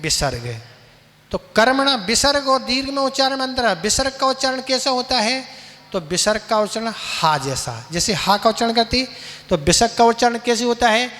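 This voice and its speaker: A man's voice: very high-pitched, animated, sharp tone. A man teaching Sanskrit pronunciation and chanting verses line by line, patiently asking questions and answering them himself. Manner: patient, asks and answers his own questions; slow drawn-out chanting with repeats. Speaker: Jain monk teaching scripture recitation. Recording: long hall reverb.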